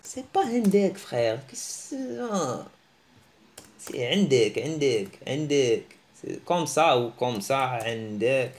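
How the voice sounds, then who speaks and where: A man giving a casual, joking online language lesson, teasing his viewers and breaking into animated bursts. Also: a little slow. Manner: joking, animated, teasing, with sudden pitch jumps. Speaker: language teacher.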